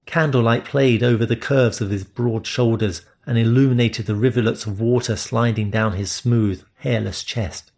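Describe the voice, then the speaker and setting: A man reading first-person romance narration in a steady, measured way. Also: mid-range voice. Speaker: audiobook narrator.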